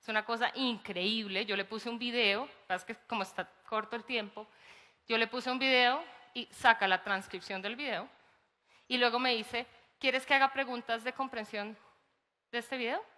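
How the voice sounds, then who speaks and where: A Colombian woman teacher giving a lively conference talk, telling stories and acting out little quotes. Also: a little high, normal speed, big-room sound. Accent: Colombian Spanish. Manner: lively, animated storytelling with acted quotes and laughs. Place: large conference hall.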